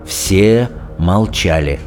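A man with a fairly low voice reads a storybook aloud in expressive, dramatic narration. His delivery rises and falls in a lively way. Faint music plays behind him. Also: drawn-out words. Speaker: audiobook reader.

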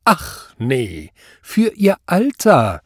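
A man's voice: fairly high pitch, huge pitch swings, drawn-out words, dry recording, studio quality, voice pushed up, heavily acted. Man voicing a bellowing, sneering Nazi judge. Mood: mocking. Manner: mocking, shouting, furious.

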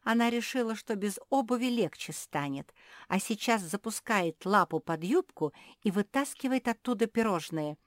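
A woman voicing a lively, insistent young female pug in a children's audiobook, with a raised, eager voice. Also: mid-range voice, normal speed, no room sound, clean studio sound, voice pushed up, close to an everyday voice.

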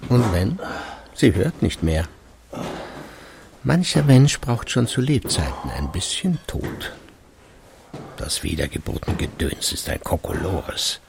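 An actor gives a full character voice as a brooding retired husband in his sixties who secretly drinks, muttering an evasive, halting monologue. His low, gravelly radio-drama voice swings widely in pitch and often sinks to near whispers, in a bitter, brooding mood, with background noise present.

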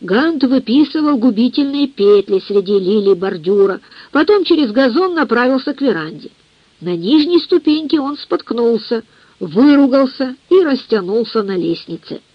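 A woman narrates a novel in a measured, expressive way. Her voice is husky and a little breathy. The recording is dry and sounds dull and lo-fi. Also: on the high side, dry recording. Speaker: audiobook reader. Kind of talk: scripted literary narration.

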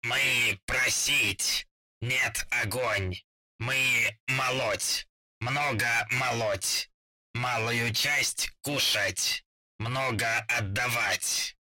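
A man voicing a dead miller's corpse moved by worms, speaking in hoarse, broken, halting phrases. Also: medium pitch, sharp tone, exaggerated voice. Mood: slow, pleading. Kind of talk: audiobook character voice.

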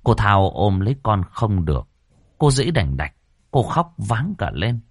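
A man narrating a ghost story in an expressive, dramatic way, close to the microphone. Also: lowish voice, a little slow, no echo.

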